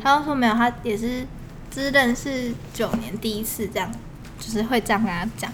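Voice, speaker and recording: A woman's voice: fairly high pitch, fairly even intonation, fairly quick, slight background noise. A young woman with a Taiwanese Mandarin accent, co-hosting a podcast and telling a story in casual chat, laughing often. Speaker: podcast co-host.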